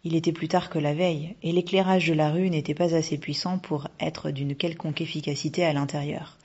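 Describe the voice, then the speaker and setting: A woman narrating a children's storybook in a steady, measured reading voice. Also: low-pitched, breathy edge. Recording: dull lo-fi recording.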